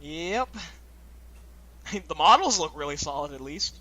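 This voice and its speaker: A man's voice: fairly high pitch, lively intonation, unhurried, pushed and bright. A man hosting a let's play, giving loose, chatty commentary full of "like" fillers. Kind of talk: casual gameplay commentary.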